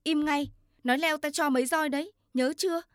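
A woman voicing a harsh, quick-tempered village mother who shouts and scolds her child, in a storybook reading. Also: on the high side, lively intonation, dry recording, studio quality, natural voice. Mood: angry scolding.

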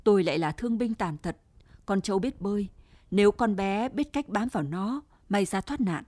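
A woman's voice: mid-range voice, moderate pace, no room sound, natural voice. Woman voicing a resigned old farmer. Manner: calm, resigned.

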